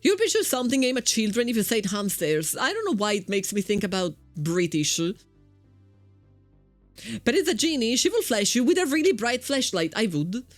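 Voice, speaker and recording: A woman's voice: a little high, very animated, moderate pace, no echo, faint music behind. A woman with an Italian accent giving casual, chatty game commentary as a streamer, often repeating her first words. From Italy. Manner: chatty, repeats words when starting sentences.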